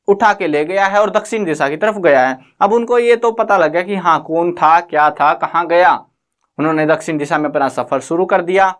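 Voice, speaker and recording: A man's voice: on the high side, clean tone. A man teaching a class lesson, retelling the story in a chatty way with casual asides.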